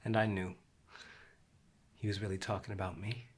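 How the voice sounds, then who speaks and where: A young man performing a reflective theatrical monologue, slow and measured, sinking at times to a near whisper. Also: low-pitched, level tone, slight background noise.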